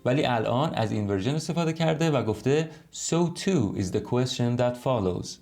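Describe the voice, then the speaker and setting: Male English teacher, mid pitch, patient explainer who slows down for example sentences. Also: lively intonation, darkish tone. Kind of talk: online language lesson.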